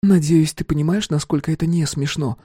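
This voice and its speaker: A high, husky young wife, fretful one moment and teasing the next, as a male audiobook reader puts her on. Her tone is soft and dark rather than bright. The sound is dry and close, with no room around it. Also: a little fast, no room sound. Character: anxious, sharp-tongued young wife. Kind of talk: audiobook character voice.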